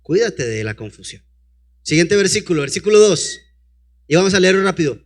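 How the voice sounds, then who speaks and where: A man's voice: high-pitched, very animated, a little fast. A man preaching a sermon, reading scripture aloud and breaking in with rhetorical questions to the congregation. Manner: calls out to a helper to advance the slides.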